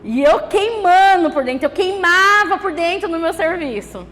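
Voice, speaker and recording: A woman pastor with a Brazilian Portuguese accent preaches in a high voice, passing from quiet testimony to fervent exhortation. Her sermon rings with the long reverb of a large church hall, with faint noise underneath. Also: lively intonation, normal speed. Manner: impassioned, swings from hushed storytelling to fervent exhortation.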